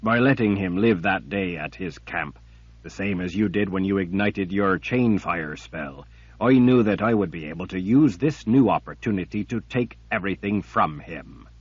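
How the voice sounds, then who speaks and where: A man voicing a cruel, patient male emperor villain who speaks in a cold, deliberate, menacing way. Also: deep voice, lively intonation, husky, no echo. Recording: dull lo-fi recording.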